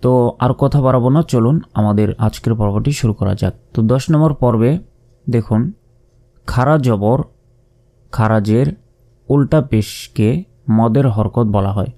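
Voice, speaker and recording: A man's voice: medium pitch, moderate pace, pauses often, warm tone. A man teaching Quran reading in a step-by-step lesson, patiently explaining and repeating letters and their sounds aloud. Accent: Bangladeshi Bengali.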